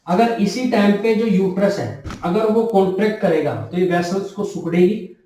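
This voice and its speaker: A male nursing tutor gives a classroom lecture, repeating key terms and posing questions he then answers himself. His voice sits high with a dark tone and a moderate pace. The room is echoey and the mic is distant.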